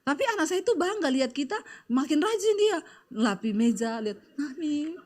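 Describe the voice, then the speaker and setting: A woman's voice: sits high, brisk. Chatty middle-aged woman pastor. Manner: chatty, lively storytelling with frequent filler "ya". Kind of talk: conversational sermon with personal stories.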